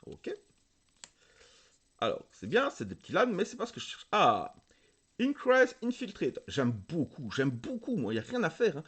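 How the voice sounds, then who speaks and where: A man's voice: on the high side, huge pitch swings, normal speed, pauses often, fairly bright tone, husky. A man hosting a casual video, opening trading card packs, gushing over the cards and reading their text aloud with lots of fillers. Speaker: channel host opening booster packs.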